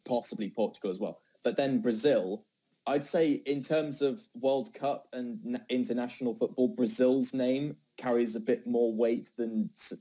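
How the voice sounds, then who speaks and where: A man's voice: mid-range voice, fairly even intonation, moderate pace, mellow, rough recording. A young man in a casual football debate, thinking aloud with hesitant fillers. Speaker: podcast debater.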